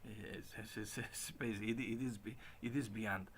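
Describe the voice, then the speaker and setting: A man in his late forties talking casually in a halting way, with frequent restarts and chuckles. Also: fairly low pitch, fairly even intonation, a little hiss or hum. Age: 40s. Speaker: stream host. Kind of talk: casual rambling monologue.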